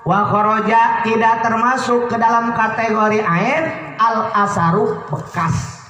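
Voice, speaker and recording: A man's voice: extremely high pitch, a little slow, echoey room, rough recording. A man preaching a comic sermon, joking and playing characters. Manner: joking, animated, slips into characters' voices.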